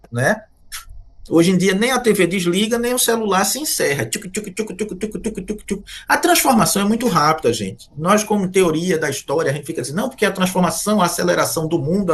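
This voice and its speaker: A man from Brazil, a history professor being interviewed, talking in a reflective, lecturing way with rhetorical questions and many check-in tags. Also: fairly high pitch. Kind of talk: academic interview talk.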